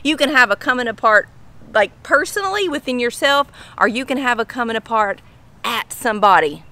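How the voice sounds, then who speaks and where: Speaking briskly and expressively in a bright, forceful, highish voice, a middle-aged Kentucky woman with a Southern drawl explains slang to camera on her home pool patio. She keeps it casual and folksy, repeating phrases for emphasis.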